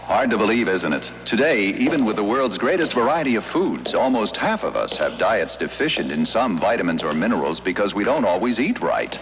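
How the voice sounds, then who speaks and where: A man delivering a scripted vintage television commercial pitch as the announcer. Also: very animated, fairly quick, hardly any pauses, poor audio.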